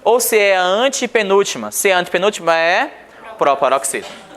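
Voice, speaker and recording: A man from Brazil teaching a Portuguese exam review class. He asks the class questions and answers them himself, and reads passages slowly. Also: high-pitched, sing-song, a bit bright.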